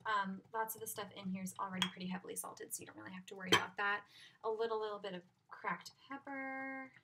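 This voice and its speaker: A woman's voice: medium pitch, fairly even intonation, fast talker. A young woman giving a casual, upbeat cooking demonstration in a small home kitchen, moving around as she talks. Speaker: cooking instructor. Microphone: laptop webcam at a distance. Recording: loud cooking noise and clicks.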